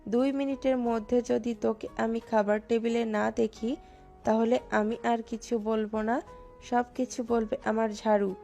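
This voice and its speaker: A woman playing a gravelly, strict broom-waving mother. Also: a little high, flat delivery, measured pace, dark tone. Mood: scolding. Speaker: mother of the hero. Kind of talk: Bengali audio love-story drama. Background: faint background music.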